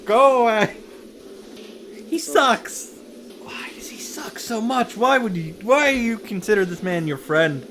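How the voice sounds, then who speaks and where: A gaming YouTuber recaps a visual novel as commentary, full of sarcastic, sweary, exclamatory asides. His high-pitched voice is expressive, a little slow and a bit bright, with music playing behind it and slight background noise.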